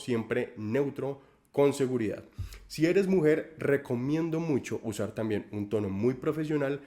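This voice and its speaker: A man's voice: medium pitch, darkish tone. A man giving a corporate training talk, speaking directly to listeners with advice and correcting himself now and then. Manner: many self-corrections and repeated words.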